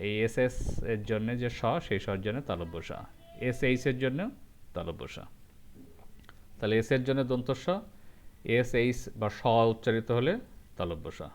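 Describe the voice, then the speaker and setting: A man teaching a grammar lesson, going through rules step by step and repeating each example slowly. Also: lowish voice, darkish tone, smooth. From Bangladesh.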